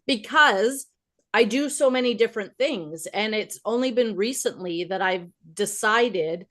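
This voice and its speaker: A woman's voice: mid-range voice, measured pace, fairly bright tone. Encouraging woman hosting a live interview. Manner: encouraging and affirming, thinks aloud. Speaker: host. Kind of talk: casual live-stream interview.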